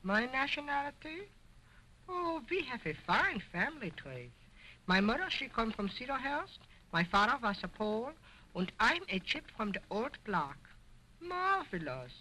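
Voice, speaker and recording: An actor playing a cheeky wooden ventriloquist's dummy in a 1920s film, wisecracking with a squeaky sing-song puppet voice. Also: male voice, big pitch swings, normal speed, pushed and bright, full character voice, rough recording. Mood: sassy. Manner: wisecracking and sassy.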